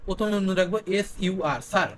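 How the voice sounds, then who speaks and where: Speaking quickly, a young male teacher from Bangladesh runs a spelling session aimed at exams, his voice high and light. He spells out words letter by letter and repeatedly questions his listeners to cement each point. A faint hiss or hum is audible.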